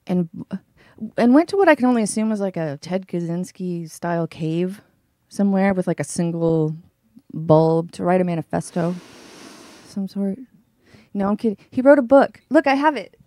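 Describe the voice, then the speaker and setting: A woman's voice: lowish voice, animated, moderate pace, dark tone, no echo, clean studio sound. A woman hosting a livestream in casual, bantering chat, playful and emphatic, rambling as she goes. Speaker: livestream host.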